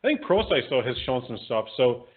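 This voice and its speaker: A man co-hosting a podcast in casual chat, giving quick, chatty opinions and correcting himself as he goes. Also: medium pitch, big pitch swings, husky. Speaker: podcast co-host. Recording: phone-like narrow sound.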